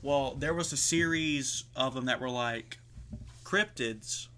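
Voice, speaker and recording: A man's voice: mid-range voice, slow pace, bright, forceful tone. A man co-hosting a podcast in casual chat, rambling with lots of fillers and swearing freely. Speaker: podcast co-host.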